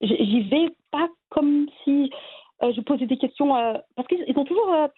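A woman from Belgium, a guest talking casually and hesitantly about her family, with many pauses and restarts. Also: high-pitched, lively intonation, no room sound. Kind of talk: casual interview conversation. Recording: tinny phone-like line.

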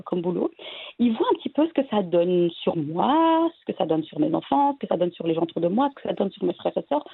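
A woman from Belgium, a guest talking casually and hesitantly about her family, with many pauses and restarts. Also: mid-range voice, vocal fry, slightly rough, no echo. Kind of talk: casual interview conversation. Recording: tinny phone-like line.

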